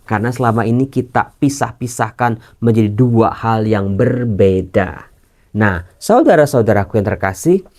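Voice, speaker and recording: A man's voice: mid-range voice, a little mellow. A man, a priest teaching scripture in a sermon, earnest and direct, slipping casual asides into formal teaching. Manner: earnest, addresses listeners as brothers and sisters.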